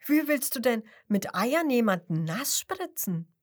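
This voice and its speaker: A woman's voice: a little high, sing-song, unhurried, a little mellow, pitched above the performer's own voice. A woman doing a puzzled brown horse. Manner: puzzled questions.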